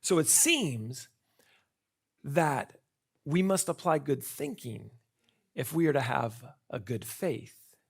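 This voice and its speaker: A man gives a conference talk. His voice sits a little high and has a gravelly, creaky edge. He speaks conversationally and keeps asking rhetorical questions. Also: expressive, slow pace, long pauses. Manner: frequent fillers and restarts.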